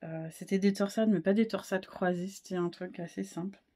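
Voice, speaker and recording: A woman in her thirties chatting casually in a knitting vlog, a little hoarse, rambling and self-deprecating, full of fillers and restarts. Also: medium pitch, fairly even intonation, fairly quick, mellow. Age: 30s. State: a bit hoarse, frog in the throat. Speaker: wool dyer and knitting podcaster.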